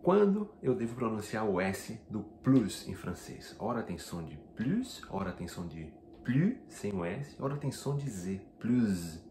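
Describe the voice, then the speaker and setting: A man with a lowish voice gives a relaxed video lesson, walking through rules one step at a time and slowing right down for each example. The room is echoey, with a faint hiss underneath. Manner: explains step by step, slows down for French examples. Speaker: French teacher.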